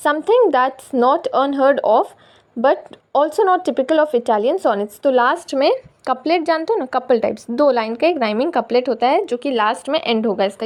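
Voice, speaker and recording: Indian woman, teacher, high voice, explains patiently step by step. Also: darkish tone. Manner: explains step by step, often repeating "theek hai"; reads English lines slowly and carefully. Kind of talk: poetry lesson mixing Hindi and English.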